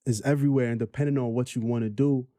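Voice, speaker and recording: Male guest from Trinidad, quick reflective talker, warm dark tone. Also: mid-range voice, fairly even intonation, no room sound, studio quality. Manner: quick, reflective, many fillers and slang. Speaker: guest, music group member. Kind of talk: casual podcast conversation.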